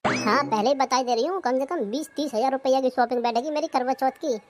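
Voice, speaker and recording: A woman's voice: sits high, fast talker, slight background noise, natural voice. Woman voicing a demanding village wife. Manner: bossy, listing demands. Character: demanding village wife, shopping-mad and sharp-tongued. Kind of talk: cartoon comedy voice acting.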